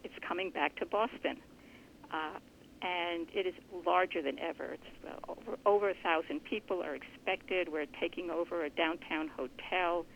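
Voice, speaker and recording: A woman guest in an interview, explaining her family research earnestly and thoughtfully, with a gravelly voice. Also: on the low side, moderate pace, a little hiss or hum. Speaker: genealogist guest. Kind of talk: conversational interview answers. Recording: muffled lo-fi recording.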